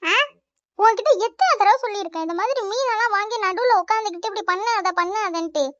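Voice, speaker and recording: A woman voicing a loud, rude, hot-tempered teenage daughter in a cartoon, with a Tamil accent. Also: very high voice, a little fast, dry recording, lo-fi sound. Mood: angry. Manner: yelling, rude.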